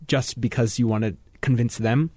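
A teenage boy on a radio panel, explaining his views in a measured way with frequent ums. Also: mid-range voice, fairly even intonation, a little mellow, slightly rough, no room sound, clean studio sound. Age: teens. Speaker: teen panelist. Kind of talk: thoughtful radio panel talk. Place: radio studio.

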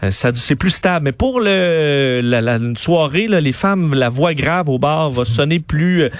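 A man's voice: a little high, lively intonation, unhurried, no echo. A man with a Quebec French accent, a radio co-host reading out survey results in casual chat with fillers. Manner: reads out survey and study figures with fillers.

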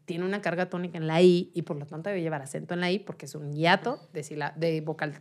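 A Mexican woman speaking as a language expert guest in a casual chat, explaining with lively emphasis and frequent laughter. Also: low voice, quick pace.

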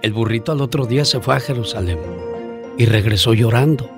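A man's voice: medium pitch, over music. A man, a guest on an interview show, telling stories in a casual, earnest way with fillers. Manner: warm storyteller, earnest, pauses with fillers.

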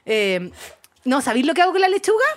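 A woman with a Chilean accent, co-hosting a casual chat, playful and quick to laugh. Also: high voice, sing-song. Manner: chatty, laughs easily, playful. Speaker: co-host.

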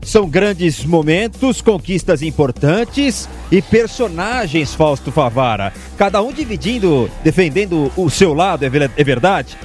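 A man's voice: a little high, expressive, a little slow, few pauses, faint music behind. A man co-hosting a sports radio show with conversational banter and anecdotes, repeating phrases for emphasis.

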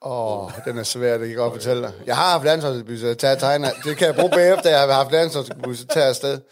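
Candid man telling stories, laughing. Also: medium pitch. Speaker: guest. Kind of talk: casual chat.

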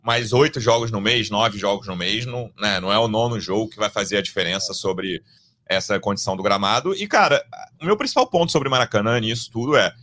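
A man's voice: on the low side, fairly quick, pushed and bright. Brazilian man talking football, colloquial and emphatic. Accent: Brazilian Portuguese. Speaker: football podcast host. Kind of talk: casual opinionated sports discussion.

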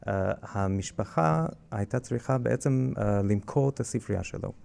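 A man from the United States with a strong American, native-English accent in Hebrew, explaining things in an interview in a halting way with frequent hesitations. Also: on the low side, expressive, creaky, darkish tone. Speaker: guest curator of a library collection.

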